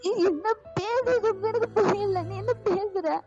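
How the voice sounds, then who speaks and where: A heartbroken young man begs and pleads through tears, voiced by a woman in a fan audio story. The voice sits very high, and soft music plays under a dull, lo-fi recording. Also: unhurried. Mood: distressed. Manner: tearful, begging, repeats his name. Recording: lo-fi voice with music behind.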